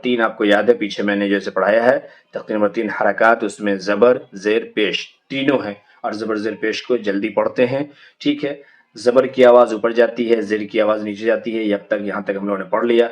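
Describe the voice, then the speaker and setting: Man, Quran reading teacher, children's lesson, patient, drawn-out syllables. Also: on the low side, fairly even intonation, low-quality recording. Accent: Indian Urdu. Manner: slow drawn-out drilling of letter sounds; patient, repeats each step.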